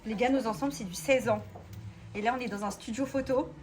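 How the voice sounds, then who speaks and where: A woman vlogging casually, chatty and excitable, talking to her viewers. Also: a little high, a little fast, soft background music. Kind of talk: casual travel vlog chat.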